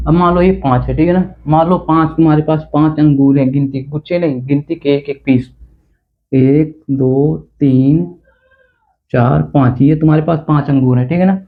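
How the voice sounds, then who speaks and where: A man teaching simple subtraction in a friendly, joking classroom manner, keeps asking if the students follow. His voice sits fairly high for a man. The sound is thin and tinny, like a phone line. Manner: chatty, teasing, repeats "theek hai na" to check understanding. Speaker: math teacher. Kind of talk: classroom math lesson.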